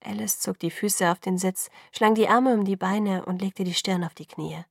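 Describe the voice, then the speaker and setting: A woman narrating a novel in the first person, calm and measured, on a close studio mic. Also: mid-range voice, vocal fry, dry recording. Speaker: audiobook narrator.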